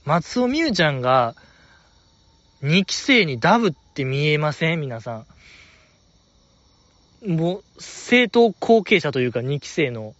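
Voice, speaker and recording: A man with a Kansai accent rambles through a casual fan-chat podcast, his pitch leaping about with eager enthusiasm. The sound is dull and lo-fi, recorded very dry with no room in it. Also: very animated, unhurried, long pauses, a bit bright, no echo. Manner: enthusiastic, rambling, lots of fillers. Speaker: podcast host reading listener letters.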